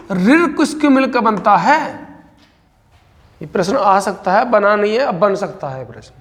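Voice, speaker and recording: A man teaching a Hindi exam-prep lesson, briskly repeating points and calling his students brother. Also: extremely high pitch, fairly bright tone, big-room sound.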